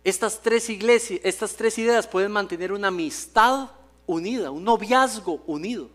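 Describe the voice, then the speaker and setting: A man's voice: high-pitched, normal speed, a bit bright. A male pastor preaching a sermon in a church, telling stories with humor and acting out the voices he quotes. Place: church sanctuary.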